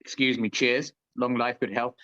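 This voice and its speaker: A man's voice: medium pitch, little pitch movement, normal speed, bright, forceful tone, lo-fi sound. A British man hosting a casual chat while tasting hot sauce, boisterous, crude and joking. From Britain. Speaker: show host.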